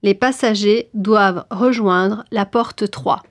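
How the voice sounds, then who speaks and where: A woman reading scripted airport announcements in a formal, clearly articulated manner. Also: mid-range voice, takes it slowly, no room sound, studio quality. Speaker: announcer in a listening exam.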